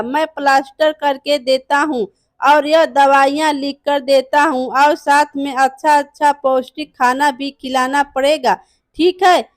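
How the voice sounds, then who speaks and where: A woman's voice: high-pitched, no echo, clean studio sound. A woman voicing a young man posing as a doctor, giving stern instructions in a storybook tale.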